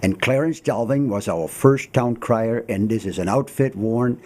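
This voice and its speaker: Casting: male radio guest, mid-pitched, slightly rough-edged voice, playful theatrical explainer. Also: unhurried, a little mellow. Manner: jocular, theatrical storyteller with rhetorical questions. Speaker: town crier guest. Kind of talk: radio interview, explanatory storytelling. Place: radio studio. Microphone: studio microphone.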